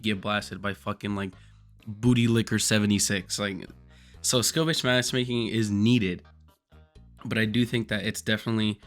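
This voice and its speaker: A male streamer, his lowish, slightly bright voice hoarse from screaming, gives rambling, profane and jokey gaming commentary.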